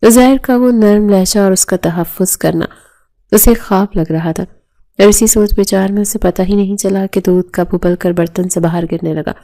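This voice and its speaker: A woman narrating a romance novel aloud in a steady, even reading. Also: mid-range voice.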